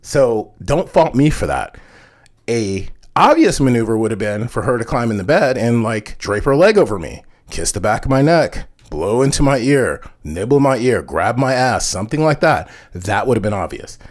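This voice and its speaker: Man, vlog host, candid storytelling, swears freely, mid-pitched voice. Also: sing-song, moderate pace, few pauses. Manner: frank, profane, heavy use of "like".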